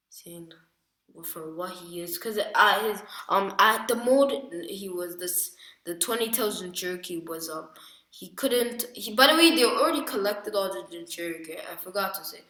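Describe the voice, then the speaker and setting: A woman's voice: lowish voice, bright, forceful tone. A woman casually retelling a fan-made story, rambling with lots of fillers and self-corrections. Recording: roomy echo.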